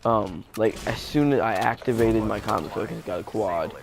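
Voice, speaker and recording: A man's voice: fairly low pitch, normal speed, vocal fry, slight background noise. A young man giving live gameplay commentary as a gaming YouTuber, rambling with many fillers and restarts. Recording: gameplay gunfire loud behind. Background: game gunfire and explosions.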